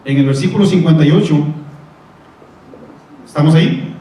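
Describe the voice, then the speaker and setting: A man's voice: on the high side, normal speed, dark tone. A male pastor preaching a sermon, reading Bible verses and asking his congregation questions. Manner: reads scripture aloud and asks the congregation questions. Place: church. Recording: very echoey church room, mic at a distance.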